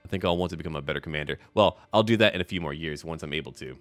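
With music behind him, a man with a very deep, slightly bright voice rattles off very fast, casual commentary on a strategy game, speaking both to himself and to its characters as a gameplay video host.

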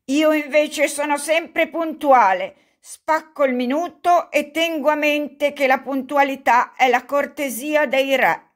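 A woman voices an old male buffoon from an audiobook, effusive, clownish, and fawning. The character speaks loudly and at length in a somewhat high pitch, drawing out his words slowly in a loud, self-mocking clowning style.

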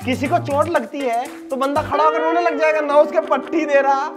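A man's voice: very high-pitched, steady tone, moderate pace, music in the background. A young man casually narrating his prank vlog in a joking, playful, self-mocking way. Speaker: prank vlogger.

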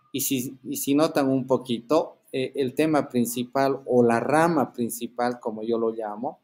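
Male teacher on a video call, mid-pitched, explanatory, leans on tag questions. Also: darkish tone. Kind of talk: online class lecture.

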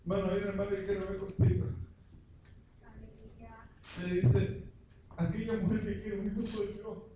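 A man with a very high, ringing voice preaches a fervent revival sermon, building to shouts. He is picked up from a distance in a large church hall, so the sound is heavily echoey, and there is noise underneath. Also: flat delivery, moderate pace, pauses often. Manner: impassioned, rising to shouts.

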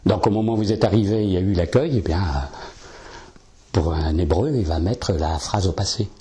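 A man's voice: low voice, normal speed, mellow. A man giving an informal lecture to a live audience, explaining as he goes with many fillers. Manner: chatty, explanatory, frequent "hein" and "euh".

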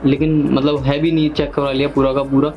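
A man's voice: mid-range voice, little pitch movement, brisk, warm tone, poor audio. A young man in his twenties chatting playfully to viewers in a casual home vlog, narrating what he is doing and slipping English words into his talk. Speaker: vlogger. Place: family home, indoors. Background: background music.

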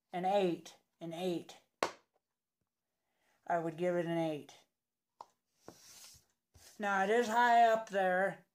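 A young man talks slowly through a lip full of dip. He rambles casually like a home video reviewer, halting between thoughts and sounding unimpressed. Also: high-pitched. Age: young adult. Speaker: product reviewer. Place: indoors in a home room.

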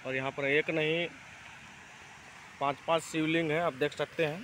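A man's voice: fairly high pitch, fairly even intonation, normal speed, fairly bright tone. Enthusiastic man vlogging outdoors. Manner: enthusiastic, inviting viewers. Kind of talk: travel vlog narration. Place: outdoors at a forest waterfall. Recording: outdoor phone audio with background noise.

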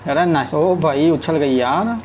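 A man's voice: a little high, measured pace, a little mellow, a little hiss or hum, low-quality recording. Chatty man commentating gameplay. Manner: chatty, talks to the truck and viewers as he plays. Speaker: gaming streamer. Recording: faint game sounds in background.

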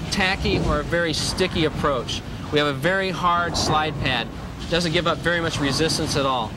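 A man with a voice on the high side explains grips and shoes in an instructional video, drilling the main points more than once. He's a pro bowler in his thirties, recorded with a lapel mic at an indoor bowling alley thick with background noise.

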